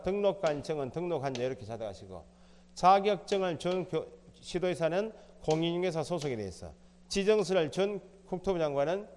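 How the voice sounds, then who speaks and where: A man with a slightly high, darkish voice teaches an exam prep lecture, captured in a large-sounding room with a little hiss or hum. He keeps putting questions to the class and supplying the answers on his own.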